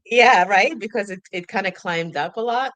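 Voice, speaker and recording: A woman from Sudan chatting casually on a podcast, animated, laughing often and acting out her own thoughts. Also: medium pitch, normal speed, no room sound. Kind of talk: casual conversation.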